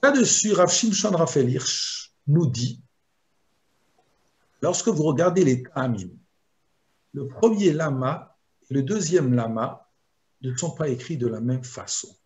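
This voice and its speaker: A man teaching a Torah lesson as a rabbi, explaining slowly and chanting Hebrew verses in between. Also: on the high side, animated, darkish tone. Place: video lesson.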